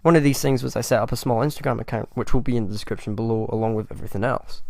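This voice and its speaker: Gravelly man with a gruff voice. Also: medium pitch, dry recording. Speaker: channel host. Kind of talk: opinion commentary to camera.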